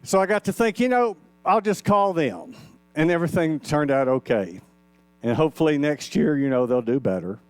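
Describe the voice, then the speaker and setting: A man's voice: sits high, a little mellow, clean tone, no room sound. A man in his sixties preaching a sermon in a folksy, conversational way, telling personal stories and acting out the dialogue. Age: 60s. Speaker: minister. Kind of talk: storytelling sermon. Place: church sanctuary.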